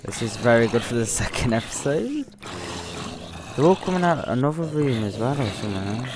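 A man's voice: mid-range voice, big pitch swings, a little fast, background noise. A man giving live gameplay commentary, nervous and jittery, often exclaiming and repeating himself. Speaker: gaming video host.

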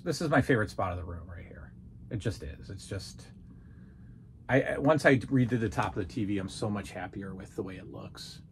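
A man's voice: lowish voice, a little fast, a little hiss or hum. A man in his thirties, giving a casual rambling room tour while walking around and filming with a handheld phone in a small basement room. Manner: rambling, self-questioning. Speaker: collector vlogger. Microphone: phone held at arm's length.

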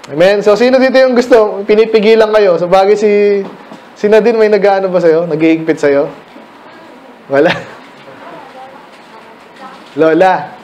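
A middle-aged Filipino pastor giving a casual Bible study talk to children, questioning listeners by name. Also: male voice, sits high, a little mellow, slight background noise.

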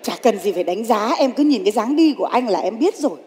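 A bossy, teasing mother of sixty. Her voice sits high and scolds and mocks freely. The stage gives it a long echo. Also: lively intonation, quick pace, dark tone, breathy edge. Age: 60s. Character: sharp-tongued 60-year-old mother looking for a husband.

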